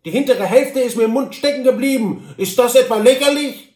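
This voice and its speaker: A man putting on a shrill, offended little hunter with a Saxon accent. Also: darkish tone, echoey room. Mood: indignant. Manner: shrill, indignant, drawn-out. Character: quarrelsome touchy little man, Saxon dialect.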